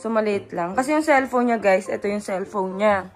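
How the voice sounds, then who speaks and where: Young woman vlogger from the Philippines, worn-out tired voice, excitable and teasing, phone-held, light background music. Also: medium pitch, normal speed. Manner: excitable, laughs and teases a lot. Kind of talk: casual vlog chat. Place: messy bedroom at home.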